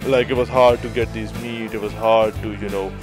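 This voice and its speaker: A man's voice: fairly low pitch, flat delivery, brisk, music in the background. A young male student answering street interview questions outdoors, hesitant with many fillers and restarts. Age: young adult. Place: outdoors on a city street by trees. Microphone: handheld shotgun mic held by interviewer.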